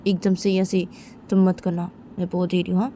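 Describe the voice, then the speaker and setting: A woman's voice: lowish voice, little pitch movement, moderate pace, warm tone, a little hiss or hum, natural voice. A woman voicing a young woman who speaks in repetitive, coaxing phrases. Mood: soothing. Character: young woman Sunaina, hurt then reassuring.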